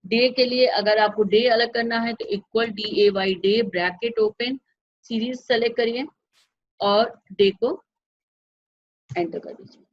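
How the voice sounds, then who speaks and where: Female teacher, slightly high voice, patient and repetitive, muffled low-fidelity recording. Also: measured pace. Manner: patient, repeats each step, asks the class if they follow. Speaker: computer class teacher. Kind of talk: step-by-step software lesson.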